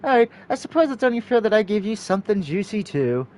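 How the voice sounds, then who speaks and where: Male reader as cunning female witch prisoner for a story game: high, playful, taunting, very animated. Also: normal speed. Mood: teasing, sly. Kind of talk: visual novel dialogue read aloud.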